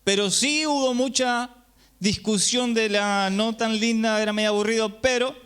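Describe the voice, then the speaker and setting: His voice sits high, steady, clear and resonant, a little bright, at normal speed. The man preaches to a congregation, patiently explaining and drawing listeners in with rhetorical questions.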